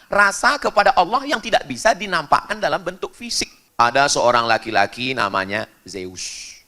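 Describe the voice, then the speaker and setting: Animated Indonesian preacher, bright voice. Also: male voice, moderate pace. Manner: animated, jumps high in pitch for emphasis and jokes. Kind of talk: lively sermon to a live congregation.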